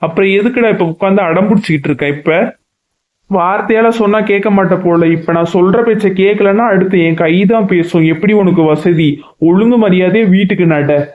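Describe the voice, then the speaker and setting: A man's voice: high-pitched, natural voice. A man voicing a loving but strained father who pleads with his son and at times scolds him, in a cartoon. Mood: scolding. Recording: dull lo-fi sound.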